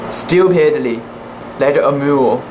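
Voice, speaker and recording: An amateur narrator gives a deliberate, halting dramatic reading of a classic sea story in the first person, stumbling over words now and then. The voice is medium-pitched, with background noise.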